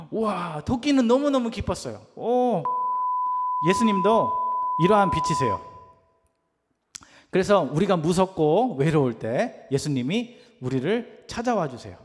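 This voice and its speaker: Man, high voice, gentle children's sermon, coaxing questions, long hall reverb. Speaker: preacher for children. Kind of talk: children's sermon with picture storytelling.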